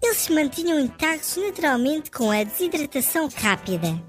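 A woman's voice: sits high, sing-song, brisk, faint music behind. A woman voicing a friendly little know-it-all who explains things to children in scripted narration. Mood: friendly, instructive. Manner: clear explaining, greets young listeners.

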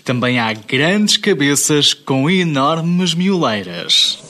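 A man's voice: on the high side, big pitch swings, slow pace, very noisy. A man playing a solemn, boastful village council spokesman in a radio comedy sketch.

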